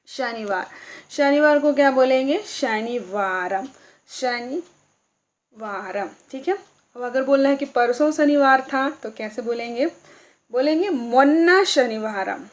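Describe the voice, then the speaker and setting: A woman teaching a beginner language lesson, asking her viewers questions and slowly repeating each answer. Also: on the high side, darkish tone.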